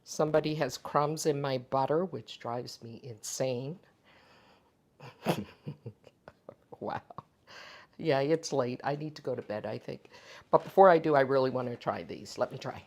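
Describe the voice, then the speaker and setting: A woman with a low voice hosts a casual home baking video. She talks in a relaxed, chatty way, thinking aloud with little fillers and tasting her bread between sentences. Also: unhurried, pauses often. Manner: tastes food while talking. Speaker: home baking channel host. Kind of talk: casual cooking vlog.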